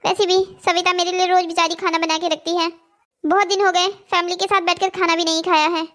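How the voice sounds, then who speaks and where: A woman's voice: very high-pitched, flat delivery, fairly quick, a bit bright. A woman voicing a sneaky middle-aged husband in a Hindi cartoon story, talking in a coaxing, defensive way.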